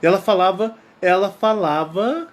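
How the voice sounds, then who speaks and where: At a normal speed and with a high voice, this man hosts his channel and shares a personal story casually. His Brazilian Portuguese accent comes through as he emphatically repeats key phrases and performs the quoted dialogue.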